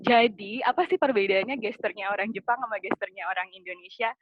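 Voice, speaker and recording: A woman's voice: medium pitch, fast talker, dry recording. A woman presenting a casual webinar lesson, chatty, asking the audience questions and laughing at her own jokes, on a computer mic. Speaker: webinar presenter on Japanese culture. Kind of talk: casual lecture with slides. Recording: dry, slightly dull webinar audio.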